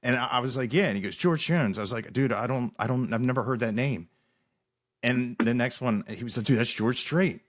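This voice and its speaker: A man's voice: mid-range voice, steady tone, brisk. A young man hosting a podcast, telling loose, rambling stories in casual chat with many restarts. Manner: rambling storyteller, many restarts, laughs often. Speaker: podcast host.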